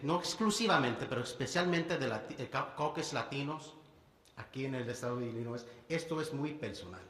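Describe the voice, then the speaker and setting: Legislator, male, 30s, Puerto Rican accent; halting, mixes in English; roomy hall echo. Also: medium pitch, sharp tone, slight background noise. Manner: halting, many restarts, slips into English words. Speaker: state legislator. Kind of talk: press conference speech. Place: bill signing event indoors. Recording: echoey hall with long reverb.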